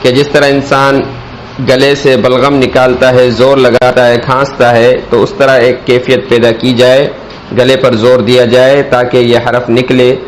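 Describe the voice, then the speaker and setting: A man's voice: mid-range voice, level tone, a little hiss or hum, rough recording. A man teaching an alphabet reading lesson, explaining each letter and stretching the sounds out carefully. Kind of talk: slow instructional alphabet lesson.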